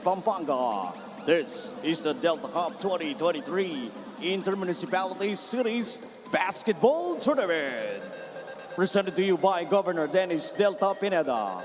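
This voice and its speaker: A man with a Filipino accent announcing like a showman in an arena, stretching out player names over music. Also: high-pitched. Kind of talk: hyped arena sports announcing with drawn-out names. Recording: music behind the voice. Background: loud music.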